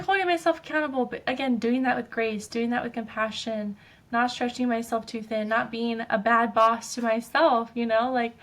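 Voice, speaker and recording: Chatty woman with a higher voice. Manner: chatty, fills speech with "like" and "um"; emphatic, ranting. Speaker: podcast host. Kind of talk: casual personal monologue.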